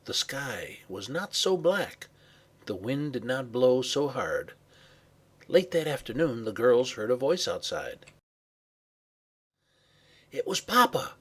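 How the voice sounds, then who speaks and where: Guy reading a kids story out loud, husky voice, really lively, drops to a hush sometimes. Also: mid-range voice. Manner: expressive, varied pacing with hushed passages. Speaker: narrator. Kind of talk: children's storybook read-aloud.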